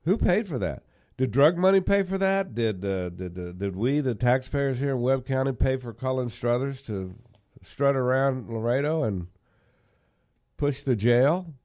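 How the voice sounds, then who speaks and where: A man's voice: medium pitch, animated, unhurried, a little mellow. An older man hosting a live-stream talk show, chatting casually in a rambling, wry and sarcastic way with frequent restarts. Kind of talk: casual talk radio chat.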